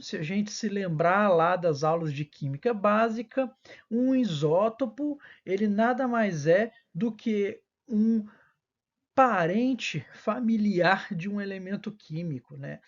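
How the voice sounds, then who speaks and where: A woman's voice: mid-range voice, expressive, slow, dull audio. A woman lecturing at university, explaining step by step with frequent restarts and corrections. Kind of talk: recorded lecture.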